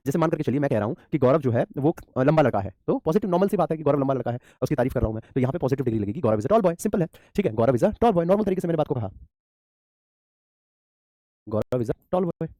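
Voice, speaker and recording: A man's voice: on the high side, animated, rapid-fire, warm tone, no echo, studio quality. A man teaching an online English grammar class, calling his students "beta" and asking and answering his own questions.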